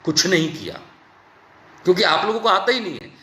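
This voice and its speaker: A man's voice: sits high, expressive, a little fast, pushed and bright, echoey room. A man giving an angry political rant, mocking and scolding in a sarcastic way. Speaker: political commentator.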